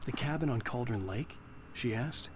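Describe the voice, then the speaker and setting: A man's voice: medium pitch, animated, normal speed, a crowd in the background, close to an everyday voice. A man voicing a troubled writer narrating. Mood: subdued. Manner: subdued, reflective. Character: troubled male writer narrating his ordeal. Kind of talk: game narration.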